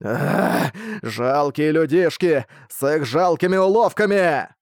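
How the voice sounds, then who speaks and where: Мужчина изображает злобного паука-мага. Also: male voice, lively intonation, slow, no echo, clean studio sound. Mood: gloating shouts. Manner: booming, shouting, cackling. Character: gloating monstrous male spider mage boss.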